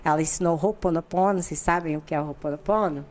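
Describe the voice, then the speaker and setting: A woman's voice: quick pace, over a noisy crowd. A woman from Brazil, a podcast guest, telling a personal story in candid, informal chat and acting out the people in it. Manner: animated, acts out the people in her story with sudden jumps in pitch; candid and informal, with slang and frequent laughter. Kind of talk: personal storytelling in a casual interview.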